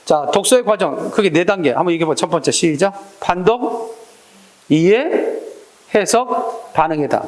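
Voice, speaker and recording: Male exam-prep lecturer, high voice that swings around a lot, conversational and questioning. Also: expressive, normal speed, roomy sound. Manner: questioning, acts out little scenes with quoted voices. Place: lecture room.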